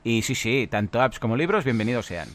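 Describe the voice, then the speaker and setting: A man's voice: medium pitch, expressive, a little fast. A man co-hosting a casual podcast chat, mostly giving brief agreeing replies. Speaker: podcast co-host.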